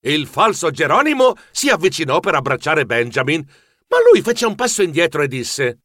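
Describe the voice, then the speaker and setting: Theatrical male storyteller: high, bright, very lively delivery. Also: normal speed, no room sound, studio quality. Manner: animated, theatrical. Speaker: narrator. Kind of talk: expressive storybook narration.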